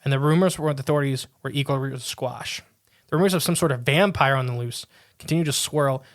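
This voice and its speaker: Speaking quickly in a mid-range voice, a man co-hosting a podcast reads out an odd story. He tosses in offhand comments and keeps tripping on words, then restarting.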